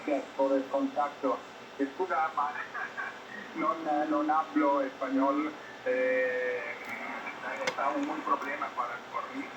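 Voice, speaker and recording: A man's voice: mid-range voice, flat delivery. Italian man over a breaking-up radio. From northwestern Italy. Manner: halting, with many fillers and polite thanks. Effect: shortwave radio signal breaking up. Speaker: amateur radio operator. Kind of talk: ham radio contact exchange. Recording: noisy echoey shortwave radio reception.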